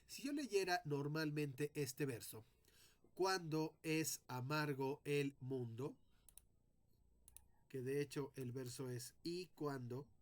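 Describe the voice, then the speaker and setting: A man teaching a lesson on poetic meter, speaking deliberately and sounding out syllables one by one as he explains. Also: a little high. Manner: addresses students directly.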